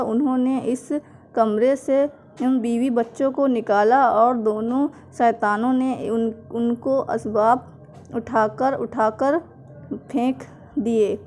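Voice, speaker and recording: A woman teacher reading a story aloud in a class lesson, stopping to explain hard words in plain speech, with halting restarts. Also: fairly high pitch, steady tone, darkish tone, a little hiss or hum. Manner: reads lines then glosses hard words in plain speech. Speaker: Urdu teacher.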